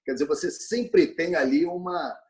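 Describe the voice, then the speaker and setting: A man's voice: on the high side, moderate pace. A Brazilian man as an interview guest, talking animatedly, repeating words and often asking "entendeu?". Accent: Brazilian Portuguese. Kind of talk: casual interview chat.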